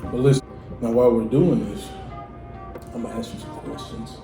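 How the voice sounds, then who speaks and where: A man's voice: mid-range voice, fairly quick. A young man hosting a food challenge vlog, joking and laughing often as he teases his guest. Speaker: vlog host. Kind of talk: casual mukbang chat. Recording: echoey room, distant mic, music behind.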